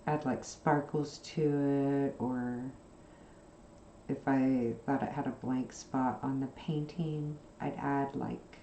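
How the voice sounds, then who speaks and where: A soft-spoken woman with a very low, mellow voice chats casually while she sews, wandering between topics at an unhurried pace. She sounds like she is in a roomy space, with a faint hum of noise behind her. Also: fairly even intonation. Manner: rambling, soft-spoken, with frequent fillers. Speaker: craft channel host. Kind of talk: casual chat while sewing.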